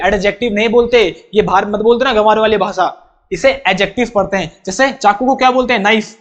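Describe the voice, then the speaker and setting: A man with a high, somewhat bright voice gives an emphatic classroom-style grammar lesson. He repeatedly poses questions, answers them himself, and drills terms through repetition.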